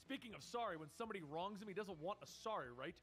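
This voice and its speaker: A man narrates a story recap with quick, animated storytelling. His voice is high and lively, jumping around in pitch, with faint music underneath.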